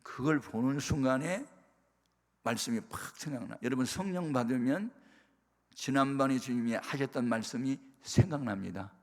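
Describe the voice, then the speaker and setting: A Korean pastor telling a story in a sermon, acting out voices and dialogue with dramatic shifts. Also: male voice, mid-range voice, moderate pace. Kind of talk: sermon testimony. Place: church sanctuary. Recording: hall reverb.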